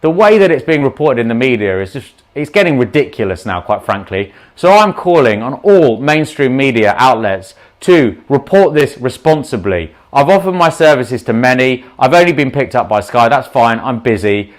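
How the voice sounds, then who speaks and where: A man who is a doctor gives an unscripted livestream talk to viewers, sounding slightly sore-throated and sniffly. His middle-pitched voice is expressive, moving at a moderate pace with hardly any pauses. He's impassioned and blunt, prone to asides.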